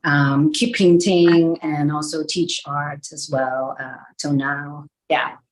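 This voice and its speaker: A woman's voice: low voice, little pitch movement, slow, poor audio. A woman from Hong Kong introducing herself as an exhibiting artist, hesitant with many fillers and restarts. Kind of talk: halting personal introduction. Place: arts centre gathering.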